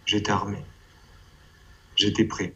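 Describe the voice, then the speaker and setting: Halting man with a low, flat voice. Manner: halting, repeats and restarts phrases. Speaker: anonymous interviewee giving testimony. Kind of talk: hesitant personal testimony in an interview.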